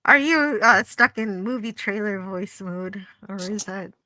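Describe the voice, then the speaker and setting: A woman speaks in a bright, forward voice at a medium pitch. She chats casually on a panel, and the sound is very dry. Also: unhurried, no room sound, rough recording. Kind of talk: casual chat.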